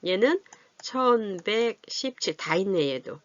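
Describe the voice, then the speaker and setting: Speaking with a medium pitch and lively intonation, an adult literacy teacher patiently teaches her class to read and write large numbers. She checks understanding by often asking if they follow, and her counting stretches out as she writes. The classroom math lesson is recorded dull, dry, and lo-fi, with no echo.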